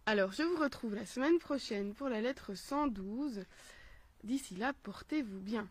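A woman's voice: on the high side, animated, measured pace. A woman hosting a philosophy video series, talking casually with many hesitations and reading a children's story aloud. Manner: hesitant, with many fillers and restarts.

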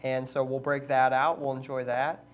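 A man's voice: mid-range voice, little pitch movement, moderate pace. A man co-hosting a casual travel podcast, upbeat and chatty with frequent fillers. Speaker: podcast co-host. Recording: slightly dull sound, faint hum.

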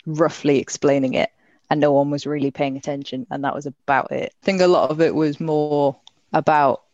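A woman's voice: low-pitched, darkish tone, no room sound, dull audio. A young woman, answering questions in casual conversation. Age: young adult. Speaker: interviewee.

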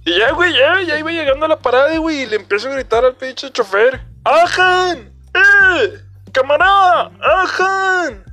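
A brash young joke-teller with a strongly nasal voice, as a man puts him on, rambling loudly in Mexican street slang. His voice sits high and bright, pushed well above a normal speaking voice, with faint music behind. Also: fast talker, few pauses. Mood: rowdy.

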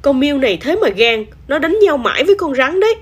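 A woman's voice: high-pitched, sing-song, fairly quick, background noise, pitched above the performer's own voice. A woman voicing a kind village mother who admires the kitten, in a storybook reading. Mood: admiring.

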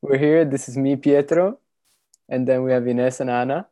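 A man from the UK hosts a laid-back podcast, chatting loosely and rambling from one thought to the next. He talks at an even middle pitch over a video call mic at home. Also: normal speed, dry recording. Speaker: podcast host. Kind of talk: casual chat.

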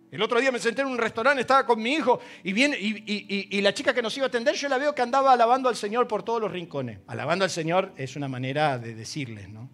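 A man with an Argentine accent preaching a sermon as pastor. He tells stories, acting out the quoted dialogue and swinging from loud emphasis to hushed asides. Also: very high-pitched. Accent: Argentine Spanish. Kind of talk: sermon with told anecdotes.

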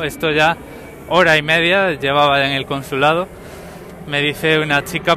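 A young man from Spain with a Spanish accent, hosting a podcast and telling a casual anecdote, lively and acting out the people in his story. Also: medium pitch, noisy background. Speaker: podcast host.

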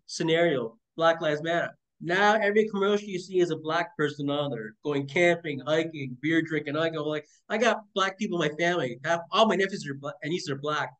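A man hosting a casual interview, rambling and animated, laughing now and then. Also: a little high, poor audio. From Canada.

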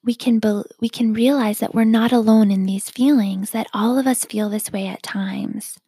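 A woman leading a guided self-awareness meditation, speaking softly and calmly with a whispery, breathy delivery. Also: a little high, dry recording. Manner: slow, calm, gently instructive.

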